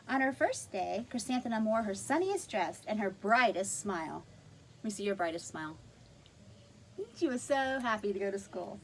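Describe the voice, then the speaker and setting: A woman reading a picture book aloud to young children, gently explaining words and adding asides. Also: mid-range voice, expressive, moderate pace, a little hiss or hum.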